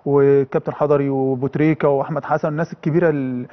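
A man's voice: fairly high pitch, level tone, dull audio. A man in his thirties with an Egyptian Arabic accent, a footballer guest talking earnestly in a casual TV interview, often restarting his words. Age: 30s. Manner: earnest, halting with many restarts.

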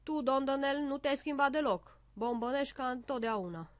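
A boastful little boy of a storybook, bossy and commanding as he plays doctor, with a high voice, as a woman reads his part. The recording is close and dry. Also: no echo, lightly acted.

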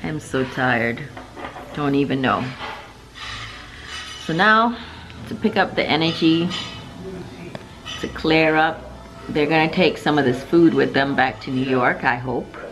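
With music behind her and poor audio quality, a middle-aged family vlogger speaks in a low-pitched voice, a little slowly and with frequent pauses. Hosting from her home dining room and kitchen, she stretches and repeats words playfully to emphasize them.

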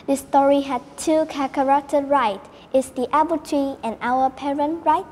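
A woman's voice: high voice, fairly even intonation, unhurried, darkish tone, in a large hall. A woman co-hosting a storytelling show with cheerful, scripted lines. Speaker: co-host.

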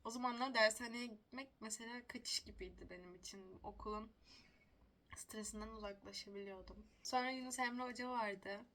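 A woman's voice: on the high side, fairly even intonation, normal speed, a bit bright. A young woman telling stories casually to the camera, chatty and self-mocking, laughing often. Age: young adult. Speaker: vlogger.

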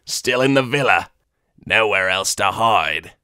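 A man voicing a frightened alien male informant who pleads in broken, halting speech. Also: fairly low pitch, lively intonation, bright, forceful tone, clean tone, no room sound, clean studio sound. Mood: pleading.

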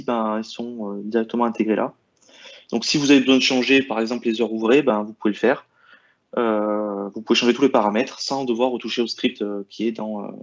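Guy doing a screen-share tech demo, mid pitch, lots of euh and restarts, kinda dull lo-fi mic. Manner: hesitant, many "euh" and restarts while clicking through settings. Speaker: IT presenter.

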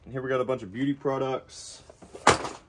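A man's voice: medium pitch, fairly even intonation, a little fast, heavy background noise. Man muttering while digging through junk. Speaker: reseller vlogger. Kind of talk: casual unboxing commentary. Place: cluttered storage locker.

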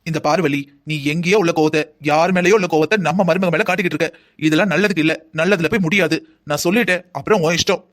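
Cartoon father-in-law telling his wife off, voiced by an actor, fast and steady. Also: a little high, natural voice. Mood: stern. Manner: measured, reproving. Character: patient older father-in-law, stern peacemaker. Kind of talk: cartoon drama dialogue.

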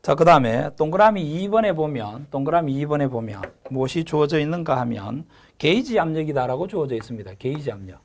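Middle-aged male lecturer, slightly high voice, repeats terms, frequent "에" fillers and "그죠?" check-ins. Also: big pitch swings, a little hiss or hum. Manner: repeats key terms, checks in with "그죠?" after each point; fills pauses with drawn-out "에". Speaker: lecturer for a gas engineering exam course. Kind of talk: recorded online lecture.

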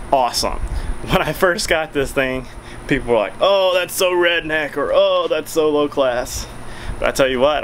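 A man's voice: medium pitch, a bit bright, a little hiss or hum, poor audio. A man, giving a chatty, folksy product review outdoors on a covered backyard patio, filming with a handheld camera at arm's length. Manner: chatty, filler-heavy, folksy. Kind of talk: casual product review vlog.

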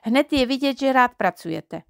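A woman voicing a sensible, kindly little girl in a storybook who explains things in a calm, practical way. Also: high-pitched, creaky, no room sound, studio quality, voice pushed up.

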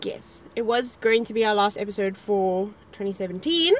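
A woman's voice: mid-range voice, animated, moderate pace. A young woman, co-hosting a casual chat outdoors in a park, playful and full of "like". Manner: chatty and playful, peppered with "like". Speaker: co-host.

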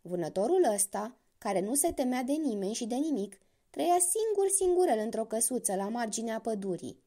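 A woman storyteller telling a fairy tale to children, speaking straight to her listeners. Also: a little high. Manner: lively, addresses the listeners directly.

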